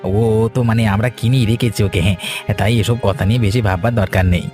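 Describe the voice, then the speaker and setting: A man doing a sly fast-talking crook. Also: on the low side, darkish tone, soft background music, natural voice. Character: fawning shady male business partner. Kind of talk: cartoon voice acting.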